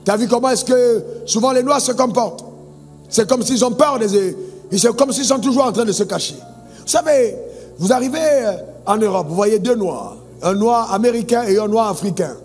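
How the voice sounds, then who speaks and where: A man's voice: very high voice, normal speed, darkish tone. A man from Côte d'Ivoire preaching a sermon as a pastor, emphatic, telling stories and calling on the congregation for amens. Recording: long reverb with faint music.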